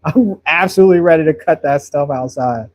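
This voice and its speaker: A thirtysomething man paints and responds to viewers in a casual live-stream chat, speaking fairly quickly in a slightly mellow voice that's a bit high for a man. He rambles amiably, repeating words as he looks for what to say next.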